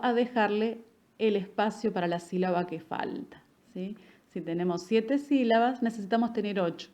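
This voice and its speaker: A woman teaching a literature lesson. She explains patiently, checks in with "¿sí?" and taps out rhythm while reciting verse slowly. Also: mid-range voice, dark tone. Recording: echoey room with faint noise.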